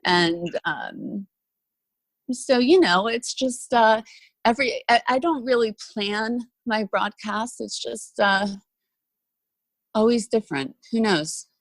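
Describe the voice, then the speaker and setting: A woman's voice: a little high, animated, takes it slowly, no echo. A woman, an actress and former reporter, talking openly as a podcast guest, with lots of "um" and "you know.". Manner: chatty and open, with frequent fillers. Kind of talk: casual interview conversation.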